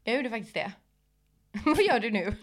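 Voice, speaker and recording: A woman with a Gothenburg accent co-hosting a podcast, telling animated stories in casual chat and laughing often. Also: on the high side. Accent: Gothenburg Swedish. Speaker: podcast co-host.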